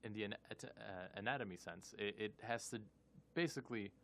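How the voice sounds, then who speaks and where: A man with a slightly low voice co-hosting a casual radio chat. He asks curious questions and slips jokes into the conversation. His delivery is relaxed and conversational. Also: fast talker, a little hiss or hum. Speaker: co-host asking questions.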